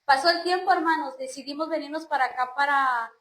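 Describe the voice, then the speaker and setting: A woman's voice: high-pitched, a little fast, a bit bright. A woman from Mexico gives an earnest religious testimony, repeatedly calling her listeners brothers and sisters. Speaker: churchgoer giving testimony. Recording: roomy echo.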